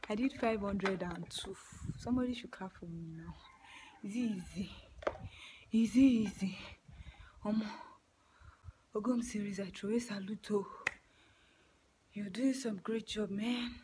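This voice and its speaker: A woman with a Nigerian accent, out of breath after exercise, chatting playfully to her viewers and often dropping to a breathy half-whisper. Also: mid-range voice, noisy background. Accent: Nigerian English. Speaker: vlogger. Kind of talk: casual chat to camera.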